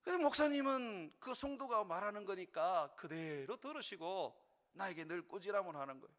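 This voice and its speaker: A middle-aged male pastor preaching a sermon in earnest, rising to urgent peaks and dropping to quiet, intimate passages. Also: sits high, expressive, moderate pace. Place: church sanctuary. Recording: long reverb of a large church hall.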